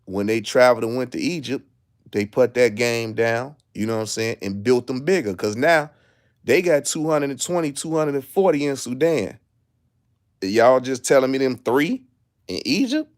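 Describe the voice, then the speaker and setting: A man's voice: medium pitch, moderate pace. Ranting Chicago man on a livestream. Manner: boastful, profane, streetwise ranting. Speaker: livestream host. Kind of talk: casual live commentary.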